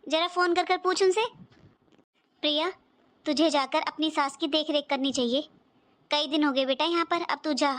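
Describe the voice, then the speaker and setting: A woman's voice: high voice, lightly acted. Woman voicing a worried, lecturing cartoon mother. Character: middle-aged mother, worried, firm with her daughter. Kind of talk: cartoon voice acting.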